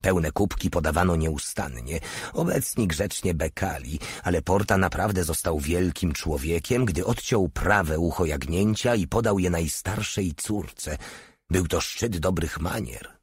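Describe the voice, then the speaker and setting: A man narrating an audiobook in a steady, measured reading. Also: low-pitched, husky, dry recording. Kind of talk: scripted narration.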